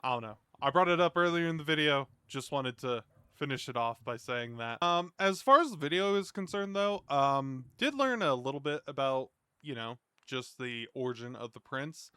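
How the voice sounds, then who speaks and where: A man's voice: medium pitch, expressive, moderate pace, hardly any pauses, bright, forceful tone, clear, resonant tone, no room sound, studio quality. A man doing casual, rambling reaction commentary as a gaming streamer, informal and mildly sweary.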